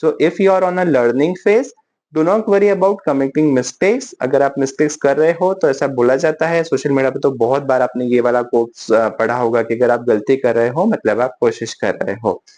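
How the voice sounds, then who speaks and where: An English vocabulary teacher with an Indian accent gives a relaxed spoken-English lesson in Hindi. His voice is medium-pitched and a little mellow, and he slows right down to model English sentences while regularly checking on his learners.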